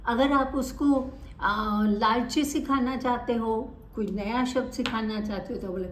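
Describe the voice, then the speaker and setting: A woman auditory-verbal therapist giving an instructional talk to parents, deliberate and expressive, stressing key words. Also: on the high side, echoey room, distant mic, slight background noise.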